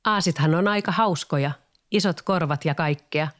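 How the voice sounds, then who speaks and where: A man voicing a calm, matter-of-fact magic fox guide, close to his own voice. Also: fairly high pitch, natural voice.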